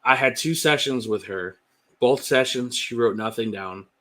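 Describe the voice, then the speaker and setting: A man's voice: mid-range voice, normal speed, bright, forceful tone. A man talking as a podcast guest, candid and rambling, with lots of "like" and "um". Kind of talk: casual personal testimony.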